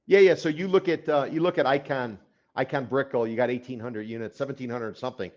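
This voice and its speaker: Sarcastic real estate talk show co-host. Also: male voice, mid-range voice, fast, dull audio. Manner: explanatory, sarcastic, repeats phrases. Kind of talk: casual talk show chat.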